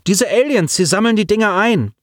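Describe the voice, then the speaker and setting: A man's voice: high-pitched, animated, fairly quick, no echo, studio quality, voice pushed up. A man voicing a nervous teenage boy who asks fretful, anxious questions.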